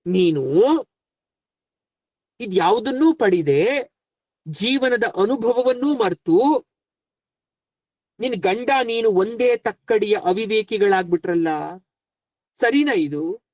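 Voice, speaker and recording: A man voicing the sage Vyasa, an elderly figure who admonishes gravely in a fatherly way. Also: high-pitched, lively intonation, slow, pauses often, darkish tone, no echo. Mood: admonishing.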